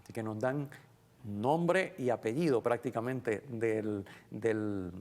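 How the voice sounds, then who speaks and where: A man reflecting on the Sunday gospel in a relaxed conversational way, with many fillers and acted-out quotes. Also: lowish voice, slow. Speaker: guest commentator on the Sunday gospel. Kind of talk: casual Bible reflection.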